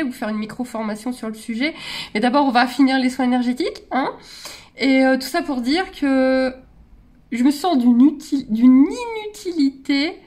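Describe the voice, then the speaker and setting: A woman's voice: a little high, a little mellow. A woman talking in a casual, rambling vlog style, often interrupting herself and laughing at her own tangents. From France. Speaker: vlogger on animal care.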